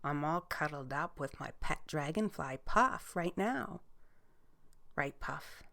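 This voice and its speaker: A woman playing Lily, a cozy, cheerful children's storyteller, speaking gently and with wonder as she reads letters and tells bedtime stories. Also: deep voice, expressive, creaky, full character voice. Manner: gentle, wondering, drawn-out delivery for young children. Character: Lily, cozy cheerful storyteller girl camping with her pet dragonfly. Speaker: children's story show host.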